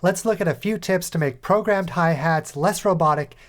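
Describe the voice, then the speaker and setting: Calm man explaining music production. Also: a little high, moderate pace. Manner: calm, methodical step-by-step explaining. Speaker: music production tutorial host. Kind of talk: tutorial voice-over over a screen recording.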